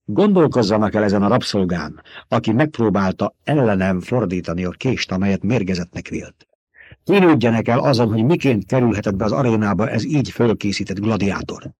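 A man's voice: on the low side, lively intonation, a little mellow, breathy edge, no room sound. Feyd-Rautha, a man reading a gloating young noble. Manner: cold, gloating inner voice. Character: cunning, arrogant young male noble fighter.

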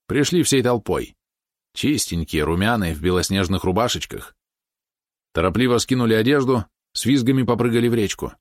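Low-voiced male audiobook narrator. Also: no room sound, studio quality. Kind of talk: scripted narration.

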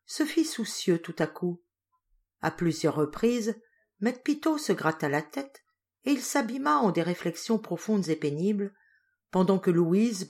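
A woman reading a classic French story aloud as an audiobook, measured and expressive. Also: fairly low pitch. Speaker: audiobook reader. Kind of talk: literary audiobook narration.

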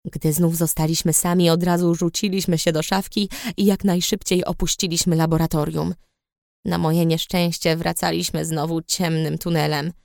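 A woman reading a novel aloud in the first person with steady storytelling. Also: fairly low pitch, moderate pace, vocal fry, no room sound, studio quality. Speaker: audiobook narrator. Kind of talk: first-person audiobook narration.

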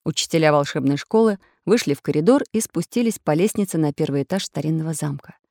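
A woman reads a children's storybook aloud with a lot of melody in her voice, rising and falling through each sentence. Her delivery is clear and expressive. The sound is dry and close. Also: low-pitched, quick pace, no echo. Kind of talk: storybook narration.

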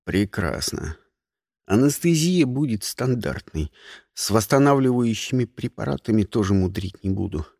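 Sardonic young male medic, voiced by a man: low, deliberate, oily politeness, slightly husky. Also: animated, a little mellow, no echo, clean studio sound, heavily acted. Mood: clinical. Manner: low, measured, unctuous. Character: cool, cold young male doctor, sardonic professional.

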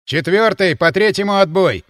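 A man's voice: sits high, animated, moderate pace, a bit bright, no room sound, clean studio sound. A man voicing a stern male military inspector who gives curt, clipped orders. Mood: stern commands.

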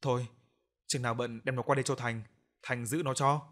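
A man doing a brisk young shrimp farmer. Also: medium pitch, fairly even intonation, a bit bright, natural voice. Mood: earnest.

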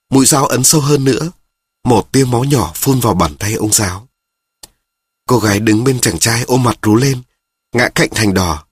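Husky man reading a story. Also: medium pitch, no room sound. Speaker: narrator. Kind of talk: reading a short story aloud.

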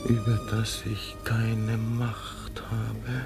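In a radio play set over music, an actor with a fairly low, monotone voice portrays a 36-year-old male driver in his thirties. Anxious and terrified of losing his mind, the character pleads in a rushed, urgent way that he is not mad.

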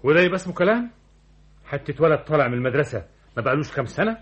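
A man's voice: on the high side, animated, rapid-fire, a bit bright, lo-fi sound. A man playing a boastful, imperious new company director with an Egyptian accent, brusque and self-important, in an old radio comedy-drama. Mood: indignant, bossy.

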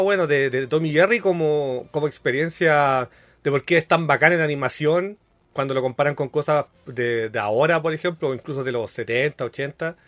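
A man's voice: on the high side, a bit bright. A man with a Chilean accent co-hosting a podcast, chatting casually and rambling with slangy asides and restarts. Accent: Chilean Spanish. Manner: rambling, self-interrupting, slangy. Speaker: podcast co-host. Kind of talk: casual chat.

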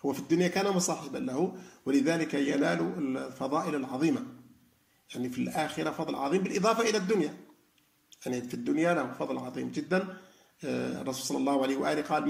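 A man's voice: fairly high pitch, creaky, echoey room. A man giving a spoken religious lesson, explaining with frequent fillers and restarts. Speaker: lecturer on Quran reflection.

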